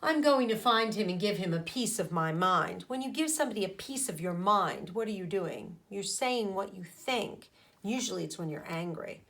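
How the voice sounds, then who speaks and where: Reading a picture book to her pupils, the schoolteacher uses a medium-pitched, fairly bright voice that rises and falls lively. She keeps stopping to explain and to ask the young listeners questions.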